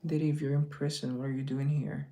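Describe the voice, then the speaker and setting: A man with a dark-toned voice on the high side talks fast with a flat delivery. He's hosting a casual social media live over a phone mic, reading out viewer comments and answering them in a teasing, joking, chatty way.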